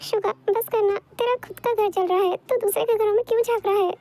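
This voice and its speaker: A woman's voice: very high voice, steady tone, brisk, warm tone, faint music behind. A woman voicing a stern older sister in a Hindi fan dub, snapping out scolding retorts.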